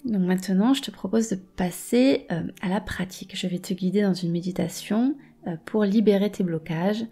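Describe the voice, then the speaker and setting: A woman's voice: medium pitch, moderate pace, dark tone, slightly rough, faint music behind. A woman teaching informally, hesitantly searching for her words as she speaks directly to the listener. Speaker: meditation and hypnosis teacher.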